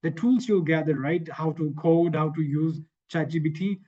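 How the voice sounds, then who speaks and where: A man's voice: fairly high pitch, steady tone, moderate pace, mellow. A man from Sweden speaking on an online webinar panel, talking conversationally with slides, often repeating phrases and checking in with "right?". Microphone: video call. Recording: dull lo-fi online call audio.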